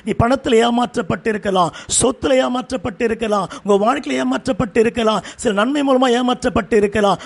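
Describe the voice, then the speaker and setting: A man's voice: extremely high pitch, vocal fry. A man preaching a fervent sermon in short repeated phrases as pastor, with a Tamil accent.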